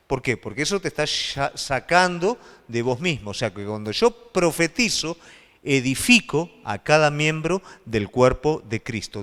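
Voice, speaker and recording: A man with a Rioplatense Spanish accent, a pastor preaching a sermon with animated delivery and frequent rhetorical questions. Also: on the high side, in a large hall.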